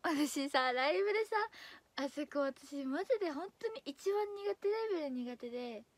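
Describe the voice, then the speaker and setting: Young female idol, casual stream chat, high-ish voice that wanders up and down, frequent laughs. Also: lively intonation, moderate pace, no echo. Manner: chatty, drifts between high and low voice, laughs often.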